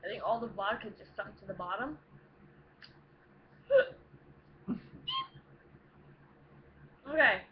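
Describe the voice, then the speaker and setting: Answering viewers' questions in a tipsy, playful, rowdy ramble, this young woman speaks slowly with long pauses, her medium-pitched voice still animated. Faint noise and a dull, lo-fi home sound mark the recording.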